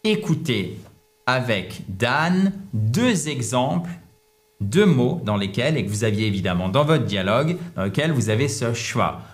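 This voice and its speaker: A man teaching English pronunciation, explaining in a lively, teasing way and prompting his guests. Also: medium pitch, a little slow.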